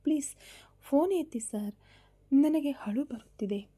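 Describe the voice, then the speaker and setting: A woman's voice: high-pitched, lively intonation, measured pace, voice pushed up. Woman doing a tearful pleading young wife. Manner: pleading, soft breathy delivery.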